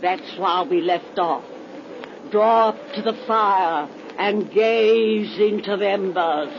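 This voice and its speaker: A woman's voice: medium pitch, slow pace, dull audio. An actress playing a gleefully macabre old American witch who tells horror tales in folksy rustic dialect, in 1930s radio style. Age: older. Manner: folksy rustic dialect, cackling, relishing the gruesome. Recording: noisy, band-limited 1930s radio recording.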